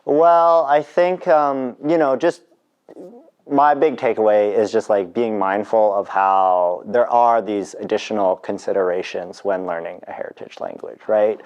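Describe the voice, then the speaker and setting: A woman co-presenting at a school talk, chatting casually, animated and laughing as she tells stories. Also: rumbling low, measured pace, dull audio. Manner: animated, laughing, mimics others in quotes. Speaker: panel co-presenter. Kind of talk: casual storytelling.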